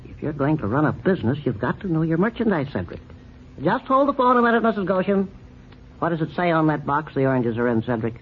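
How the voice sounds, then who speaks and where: A pompous old country doctor. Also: male voice, fairly high pitch, sing-song. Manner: pompous and lecturing, drawn-out. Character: pompous, fussy older male country doctor. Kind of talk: 1930s radio comedy acting. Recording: dull old radio recording with faint hiss.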